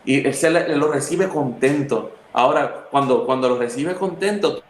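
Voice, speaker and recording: A man's voice: mid-range voice, moderate pace, a little hiss or hum. A man with a Puerto Rican accent in a casual spiritual talk, telling stories and acting out the people in them. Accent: Puerto Rican Spanish. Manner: lively storyteller who acts out the quoted people. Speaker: youth talk co-host. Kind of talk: casual spiritual conversation with storytelling. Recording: echoey room.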